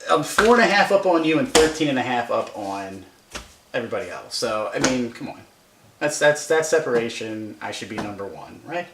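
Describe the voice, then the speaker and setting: A man's voice: medium pitch, big pitch swings, normal speed, far from the mic. A man in mid-range voice hosts a casual fantasy sports chat. He talks in a chatty, emphatic way, pressing his argument. The room is echoey with a faint hiss behind him. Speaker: podcast co-host.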